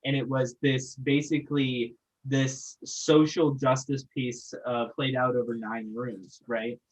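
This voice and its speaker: A podcast guest from Northeast Texas, chatting casually in an animated, laugh-prone way. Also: medium pitch, takes it slowly, low-quality recording. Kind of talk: casual chat.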